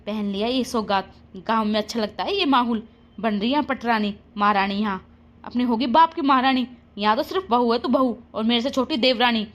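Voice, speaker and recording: A woman voicing a quarrelsome young sister-in-law in a cartoon story, scolding loudly in a shrill voice. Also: normal speed, close to an everyday voice.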